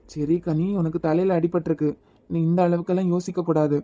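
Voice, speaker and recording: A woman voicing a steady, comforting adult man, a doctor like an elder brother, advising a hurt young woman. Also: lowish voice, brisk, no echo, lo-fi sound, natural voice. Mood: reassuring. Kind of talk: Tamil audio drama acting.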